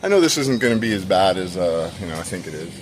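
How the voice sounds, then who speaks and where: A man's voice: sits low, very animated, fast talker, low-quality recording. A man on a bike tour chatting casually to camera in a rambling, laughing way, outdoors by a road. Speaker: bike touring vlogger. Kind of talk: casual vlog chat. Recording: outdoor clip with wind and traffic noise.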